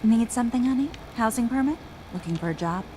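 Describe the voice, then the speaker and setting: An actress playing a brisk, familiar town clerk in a video game. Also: female voice, on the high side, lively intonation, mellow, a little hiss or hum, close to an everyday voice. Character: brisk female town clerk calling people honey.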